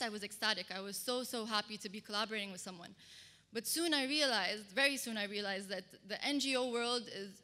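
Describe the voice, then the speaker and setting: A woman's bright, forceful voice, pitched on the high side, fills an amplified conference talk. She is from Kuwait, a fashion designer and public speaker sharing a personal story. The large hall where she addresses the audience is noticeably reverberant.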